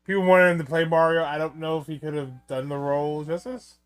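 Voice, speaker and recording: A man's voice: on the high side, fairly even intonation, brisk, clear, resonant tone. A man giving casual, rambling and joking film commentary, with some swearing. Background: film soundtrack music.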